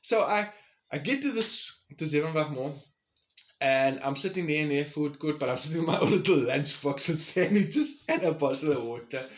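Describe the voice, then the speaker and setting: A man around forty with a South African accent shares a personal story, talking casually and speaking straight to his listeners. His voice is a little high and expressive, and he keeps a normal speed.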